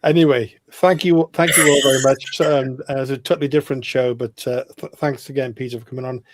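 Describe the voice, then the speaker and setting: A man's voice: mid-range voice, steady tone, brisk, a little hiss or hum. A man hosting a football phone-in, wrapping up the show with thanks and stumbling over his words. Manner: stumbling restarts, thankful sign-off. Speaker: host. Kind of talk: casual phone-in chat.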